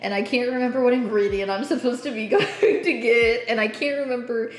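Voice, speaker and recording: A woman's voice: on the high side, brisk, echoey room. A woman chatting casually while baking on a live stream. She laughs often and pokes fun at herself. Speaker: streamer host. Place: home kitchen.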